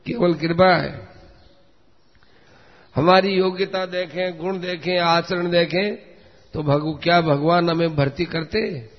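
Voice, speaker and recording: High-voiced preacher man in an echoing hall. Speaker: religious preacher. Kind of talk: devotional discourse with a story. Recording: dull lo-fi recording in a long-reverb hall.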